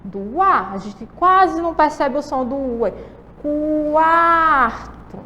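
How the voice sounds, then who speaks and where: A woman's voice: high-pitched, animated, pushed and bright, big-room sound, dull audio, slight background noise. A woman teacher with a Brazilian Portuguese accent, giving a patient lesson to children and often checking that they follow. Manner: patient, drawn-out explaining with frequent checking questions.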